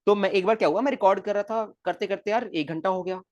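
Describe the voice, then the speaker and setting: Animated male physics teacher, dry room. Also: sits high, fast talker, dry recording, muffled recording. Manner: animated, coaxing, repeats questions to students. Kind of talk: recorded classroom lecture.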